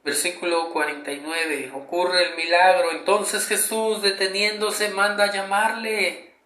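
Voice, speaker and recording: A man's voice: sits high, level tone, measured pace, pushed and bright. A man preaching a sermon, reading a Bible passage and pleading with fervent, emphatic rises. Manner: fervent, rising to emphatic pleas. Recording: echoey room.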